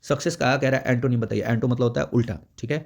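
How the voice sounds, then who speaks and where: A man's voice: medium pitch, steady tone, fast, gravelly, darkish tone. A man teaching an exam prep grammar lesson, explaining step by step and checking in often. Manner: explains step by step with frequent "theek hai" check-ins.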